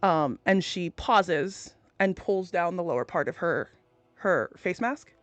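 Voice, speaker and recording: A woman's voice: lowish voice, lively intonation, takes it slowly, no room sound. Woman game master narrating off the cuff, informal, swears a bit, dry sound. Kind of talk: improvised tabletop game narration, casual.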